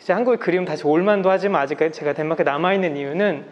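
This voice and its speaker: A man's voice: fairly high pitch, very fast. A man in his thirties from South Korea gives a polite, explanatory public lecture, slightly muffled through a face mask. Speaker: guest lecturer. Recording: masked live talk with background noise.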